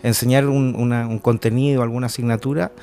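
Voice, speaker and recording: A man's voice: medium pitch, flat delivery, fast talker, dark tone. A man co-hosting a school podcast, asking the guests questions and teasing them. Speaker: podcast co-host and teacher. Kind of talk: casual school podcast interviewing.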